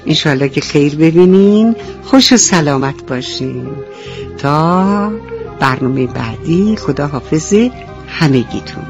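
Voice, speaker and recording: On a dull, lo-fi radio recording with faint music underneath, a woman reads a bedtime story to children. Her low voice is animated and affectionate, and she speaks straight to the young listeners.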